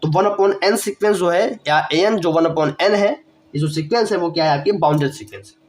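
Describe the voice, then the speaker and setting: A young man with a cough, feeling a bit unwell, teaches math in an online lecture. He explains things step by step, repeats key phrases, and puts questions to the viewer. His voice is fairly high and a little fast.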